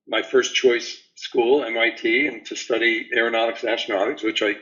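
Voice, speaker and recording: A man in his seventies from New York City, a guest answering interview questions in an unhurried, rambling way with many fillers. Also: medium pitch, fairly even intonation, a bit bright, lo-fi sound. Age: 70s. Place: remote call from a beach house.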